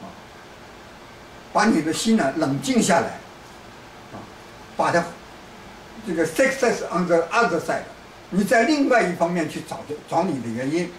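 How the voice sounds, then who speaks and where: High-voiced man lecturing from afar. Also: big pitch swings, normal speed, pauses often. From China. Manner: lecturing, repetitive restarts, hectoring asides. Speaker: political commentator. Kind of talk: rambling political monologue. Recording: roomy, distant mic, faint background noise.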